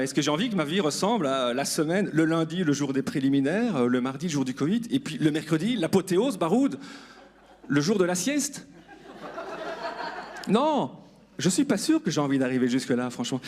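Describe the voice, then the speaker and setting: Here a comedian in his 40s delivers a live stand-up set, joking at his own expense and addressing the audience directly. His pitch sits fairly high and swings widely, and he talks a little fast.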